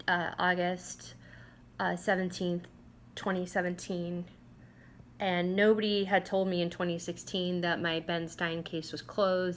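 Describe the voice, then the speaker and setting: A woman's voice: fairly low pitch, fairly bright tone. A woman from the United States giving an informal personal account, questioning and aggrieved. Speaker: narrator recounting own police case. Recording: clearly noisy home-style recording.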